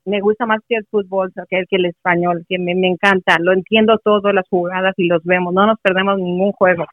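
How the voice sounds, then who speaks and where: A woman's voice: mid-range voice, fairly even intonation, brisk, no echo. Earnest middle-aged woman, muffled recording. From Mexico City. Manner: earnest, encouraging. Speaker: interview guest, mother of a player. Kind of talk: casual interview talk.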